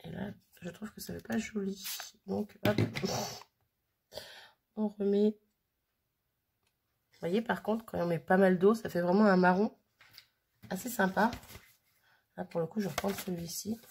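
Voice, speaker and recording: A woman's voice: mid-range voice, fairly even intonation, a little slow, creaky, pauses often, a little mellow, a little hiss or hum. A woman chatting casually through a hands-on craft demo, full of fillers and little "hop" sounds as she works. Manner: chatty, filler-heavy, frequent "hop" while working. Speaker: crafting vlogger.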